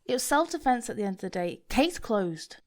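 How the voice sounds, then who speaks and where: A woman's voice: on the high side, very animated, brisk, a little mellow. A woman voicing a defensive, indignant hospital nurse in an audio drama.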